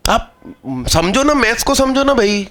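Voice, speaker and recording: A man's voice: very high-pitched, a little slow, a bit bright, a little hiss or hum. A male math teacher giving a live exam-prep lecture, explaining step by step and scolding students into understanding.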